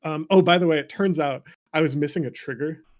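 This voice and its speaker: A young man with a fairly high, slightly fast voice tells casual stories as an interview guest. He's a streamer who once speedran, and he keeps things informal and self-deprecating, dropping "like" constantly.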